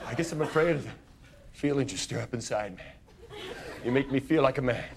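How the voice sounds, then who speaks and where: A man's voice: mid-range voice, brisk, creaky, a loud crowd, close to an everyday voice. A man playing a melodramatic, lovesick heartthrob with soap-opera intensity in stage improv comedy. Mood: swooning, exultant. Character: melodramatic lovesick young heartthrob movie actor. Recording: loud studio audience noise and laughter.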